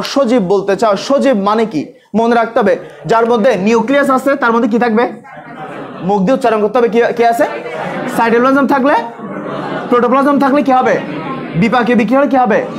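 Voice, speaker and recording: A man teaching an online exam-prep class. He asks his students questions, answers them himself, and repeats key terms slowly so they can say them back. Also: high voice. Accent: Bangladeshi Bengali.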